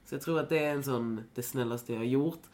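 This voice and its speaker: A woman's voice: a bass voice, darkish tone. A young woman in casual chat as a podcast guest, rambling with many fillers and swearing freely.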